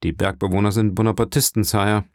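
A man's voice: lowish voice, flat delivery, fairly quick, dry recording, clean studio sound, close to an everyday voice. A man voicing a deferential young official in an audiobook reading, formal and respectful.

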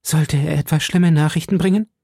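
A man voicing an excitable, trusting young woman for an audiobook, raising his voice high and breathless. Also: fairly quick, vocal fry, slightly rough, dry recording, clean studio sound. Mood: eager. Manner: breathless, eager, pitched high. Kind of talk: audiobook reading.

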